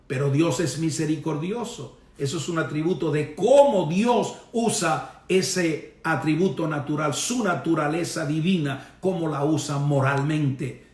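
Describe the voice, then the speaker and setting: A man preaching a sermon in a high voice, pressing each point with fervent amens and hallelujahs. His voice rings out in a roomy, echoing church space. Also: measured pace, a little mellow, recorded from a distance. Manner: emphatic preaching, punctuated with amen and hallelujah. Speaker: pastor.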